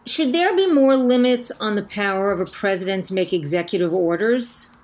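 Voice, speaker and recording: Woman playing a blunt, mid-pitched female reporter. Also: lively intonation, normal speed, natural voice. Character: blunt, exasperated female press reporter with attitude. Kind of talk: satirical press conference sketch.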